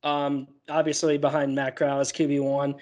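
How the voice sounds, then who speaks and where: Male co-host with a higher voice, jokey and self-deprecating. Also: completely flat delivery, normal speed, a little mellow. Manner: self-deprecating, laughs easily. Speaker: co-host analyst. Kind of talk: casual sports talk.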